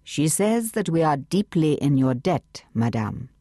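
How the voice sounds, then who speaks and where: A woman's voice: low voice, big pitch swings, measured pace, dark tone, slightly rough, dry recording, clean studio sound, exaggerated voice. A woman reading an audiobook voices a polite young man with an upper-class English accent, speaking formally. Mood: courteous. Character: elegant young Chinese man, Oxford-educated, courteous.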